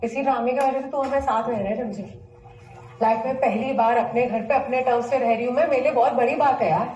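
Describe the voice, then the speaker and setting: A woman's voice: fairly high pitch, a little fast, slight background noise, lightly acted. An actress playing a frank, stubborn young woman who is a PT teacher, speaking film dialogue in a blunt, colloquial way. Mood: defensive. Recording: echoey, distant film audio with loud music.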